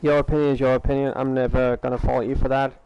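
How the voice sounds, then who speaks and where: Here a young man streams a game from home, talking fast in a level, medium-pitched voice through his gaming headset. He rambles earnestly to his viewers and keeps repeating himself. The recording is muffled, with a noisy background.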